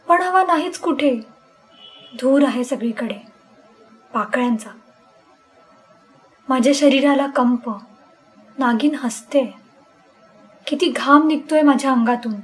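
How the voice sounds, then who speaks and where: A woman gives a dramatic first-person story reading, in a clearly high voice. Her delivery is expressive and intense, leaning into every image. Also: low-quality recording. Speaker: story reader.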